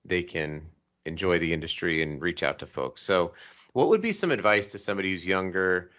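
A man's voice: low voice, lively intonation, brisk, a bit bright, lo-fi sound. A man from Colorado hosting a podcast interview, upbeat and rambling, with many self-corrections. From Colorado, United States. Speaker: podcast host. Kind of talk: casual interview talk over a call.

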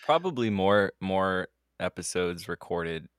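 A man making casual podcast remarks with vocal fry in his voice. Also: low voice, expressive, a little slow, fairly bright tone, no room sound, clean studio sound.

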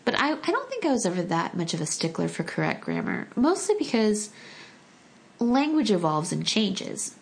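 Her mid-range voice carries some vocal fry as she talks at a normal speed. She is an American woman whose first language was Korean, thoughtfully making casual conversation peppered with fillers and small restarts.

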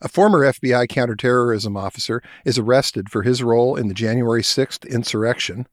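A man's voice: medium pitch, brisk, no echo, clean studio sound. Man co-hosting a political podcast. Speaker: podcast co-host.

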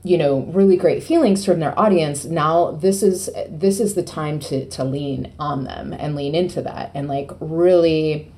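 Low, mellow-voiced woman. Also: a little slow. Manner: rambling, playful, filler-heavy. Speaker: podcast co-host, PR agency. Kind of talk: casual podcast chat.

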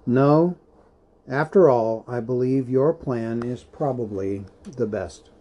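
A man's voice: mid-range voice, slow pace, highs cut off, close to an everyday voice. A man voicing an old male wizard in a storybook reading, grave, watchful and patient, with a thoughtful, firm manner.

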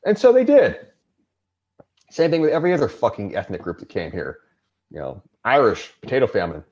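A man's voice: lowish voice, very animated, fast. Profane ranting man, dull lo-fi sound. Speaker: podcast guest. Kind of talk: casual podcast conversation.

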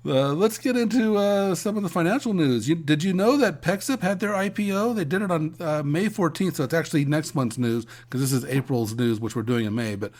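Co-hosting an industry news podcast, a man offers conversational commentary but halts often and restarts his phrases. His voice is fairly high-pitched with a darkish tone.

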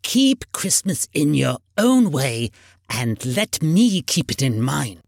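A man's voice: mid-range voice, big pitch swings, slow pace, no room sound, studio quality, full character voice. A man as a scornful, crabby old miser. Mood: stern. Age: older. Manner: indignant, stern, dismissive. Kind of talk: storybook character reading.

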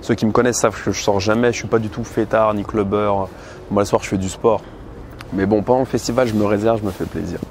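A man in his thirties with a fairly low voice speaks candidly and bluntly, vlogging into a handheld camera outdoors. Clear traffic and street noise run under every word. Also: fairly even intonation, fast talker, a little mellow. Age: 30s. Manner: candid, blunt, filler-heavy. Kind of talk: casual vlog monologue. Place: outdoors on a busy city street. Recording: noisy outdoor street recording. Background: traffic and street ambience.

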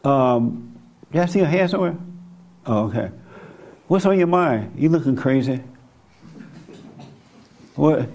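A man's voice: mid-range voice, animated, a little slow, pauses often, darkish tone. A man leading a group as a spiritual teacher, speaking bluntly and colloquially while taking questions. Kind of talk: informal teaching with audience questions.

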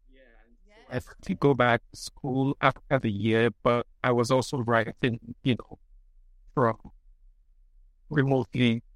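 A man, a podcast guest who speaks in a halting, thoughtful way with many restarts. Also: mid-range voice, steady tone, no echo, poor audio. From Nigeria. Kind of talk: casual interview.

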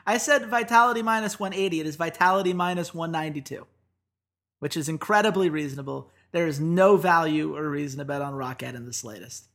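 A man's voice: on the high side, brisk, fairly bright tone. A man co-hosting a podcast in casual chat, upbeat and steering the segment from one betting line to the next. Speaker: podcast co-host.

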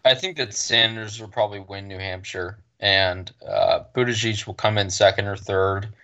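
A man with a lowish voice talks politics bluntly in a loose podcast chat. He stops and restarts his sentences often. The audio is dull and slightly lo-fi. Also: fairly even intonation, sharp tone. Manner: blunt, halting with frequent restarts. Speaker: podcast co-host.

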